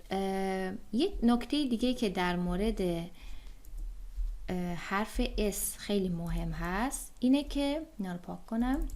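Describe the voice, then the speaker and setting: A woman teaching German pronunciation in an online lesson, explaining patiently step by step with frequent fillers. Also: mid-range voice.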